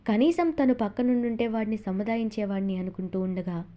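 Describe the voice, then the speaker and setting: A woman narrating a novel as an audiobook in steady, expressive storytelling. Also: mid-range voice, brisk.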